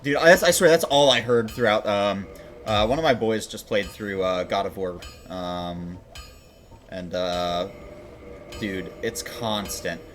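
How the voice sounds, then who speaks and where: A man's voice: on the low side, a little slow, a bit bright, slight background noise. A man chatting casually on his game stream, joking and laughing often. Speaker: livestreaming speedrunner.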